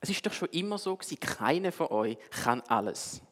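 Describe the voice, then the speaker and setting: A man voicing a wise old owl in a soft, hushed, gentle voice. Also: a little high, big pitch swings, fairly quick, in a large hall. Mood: teaching.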